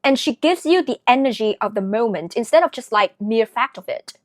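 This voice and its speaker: A woman's voice: a little high, lively intonation, a little fast, dry recording, studio quality. A woman from Vietnam with a Vietnamese accent, talking through her recent reads in a casual, earnest and reflective book vlog. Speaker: book vlogger.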